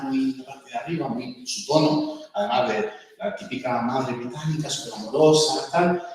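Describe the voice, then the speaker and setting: Male workshop instructor, explanatory and demonstrative, distant mic in a very echoey hall. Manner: explanatory, demonstrates pitch exercises aloud, frequent "¿vale?". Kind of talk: lecture with vocal demonstrations. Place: lecture room. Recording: echoey room, voice from far off.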